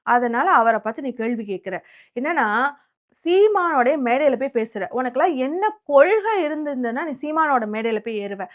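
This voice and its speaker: A woman's voice: high voice, fairly bright tone. A woman delivering a combative political commentary monologue, sarcastic and scornful, firing rhetorical questions at her target. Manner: sarcastic and combative, mockingly quoting opponents.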